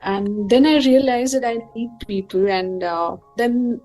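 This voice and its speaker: A woman from India, speaking as a hypnotherapist guest in a casual interview and telling stories lively, acting out the people she quotes. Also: a little high, a little slow, soft background music, poor audio. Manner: animated storyteller who acts out quoted people.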